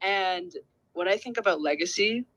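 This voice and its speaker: A young man, an artist and guest, chatting in a bubbly, fast way with frequent laughs and many fillers. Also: high-pitched, fairly bright tone, dull audio. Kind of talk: casual chat on a podcast.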